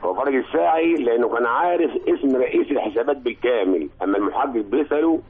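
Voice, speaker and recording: Rapid man over the phone. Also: mid-range voice. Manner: polite, deferential. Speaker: radio quiz caller. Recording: muffled phone line.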